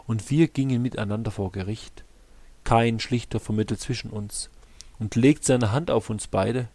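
A man reading scripture aloud in a slow, measured, solemn way. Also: medium pitch, a little mellow, no room sound. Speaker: scripture reader.

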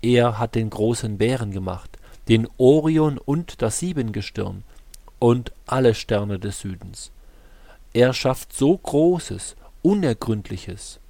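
A man reading scripture aloud in a slow, measured, solemn way. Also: medium pitch, expressive, vocal fry, warm tone, no room sound. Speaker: scripture reader.

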